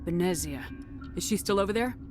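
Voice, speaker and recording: A woman's voice: lowish voice, lively intonation, fairly quick, music in the background, close to an everyday voice. A woman playing a composed military commander in a video game, speaking directly and tersely with authority. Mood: steady, measured. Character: composed, businesslike female military commander and agent. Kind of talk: scripted game character dialogue.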